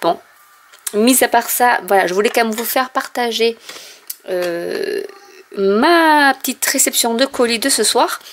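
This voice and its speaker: A woman's voice: a little high, animated, a little slow, a little hiss or hum. A French-speaking woman presenting a casual craft product haul at home, explaining in a chatty way with frequent fillers. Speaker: craft vlogger.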